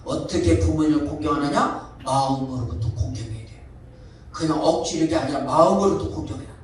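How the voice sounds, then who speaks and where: Male pastor preaching, high voice, distant mic, very echoey church hall. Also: brisk, a little hiss or hum. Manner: asks the congregation questions, emphatic. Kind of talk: sermon.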